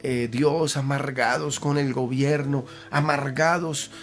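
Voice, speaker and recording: Man preaching over soft guitar. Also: medium pitch, fairly even intonation, takes it slowly. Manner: earnest preaching with rhetorical questions and repetition. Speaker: pastor. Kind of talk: sermon.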